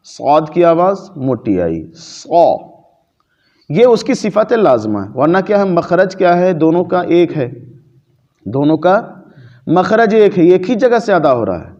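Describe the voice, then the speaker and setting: Recitation teacher, male, fairly high voice; patient, draws out sounds. Muffled lo-fi recording. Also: darkish tone. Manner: explains patiently, drawing out letter sounds as examples. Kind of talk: religious lecture on pronunciation. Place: mosque. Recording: dull lo-fi recording.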